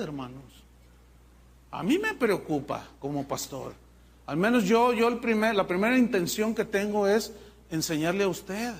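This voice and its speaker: A man preaching a sermon as pastor, in an animated, mocking way. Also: sits high.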